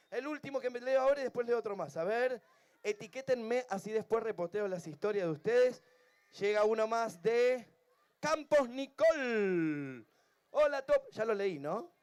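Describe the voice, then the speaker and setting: A man's voice: extremely high pitch, animated, normal speed, darkish tone, clean tone. A man with an Argentine Spanish accent, a children's entertainer chatting playfully with a crowd at an outdoor event. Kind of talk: live stage banter with a crowd.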